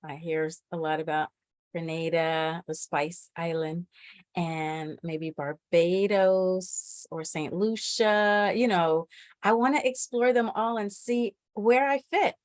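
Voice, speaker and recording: A woman's voice: on the low side, fairly even intonation, takes it slowly, a little mellow, no room sound. Woman hosting, dry close sound. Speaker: host. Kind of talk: conversational meeting hosting.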